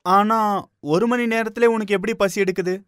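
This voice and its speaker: A man's voice: high voice, steady tone, moderate pace, fairly bright tone, clear, resonant tone, no echo, studio quality. A man voicing a patient young husband who coaxes and grows baffled. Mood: coaxing. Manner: mild, coaxing, exasperated.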